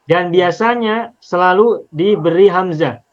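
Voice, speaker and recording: A man's voice: sits high, unhurried, muffled recording. A man teaching an Arabic linguistics lesson on the Quran, explaining patiently step by step and repeating examples.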